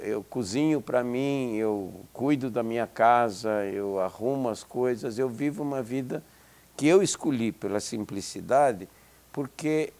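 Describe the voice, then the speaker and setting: Reflective interview talk comes from a Hebrew-speaking Israeli man in his 70s, a psychology professor appearing as a guest. His medium-pitched voice has a darkish tone, and he hesitates, restarting and using fillers frequently.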